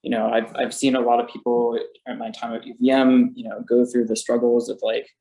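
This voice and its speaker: A man's voice: medium pitch, flat delivery, brisk, mellow, low-quality recording. A young man, a student, introduces himself hesitantly on a video call with many fillers. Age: young adult. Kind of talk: online community meeting introduction.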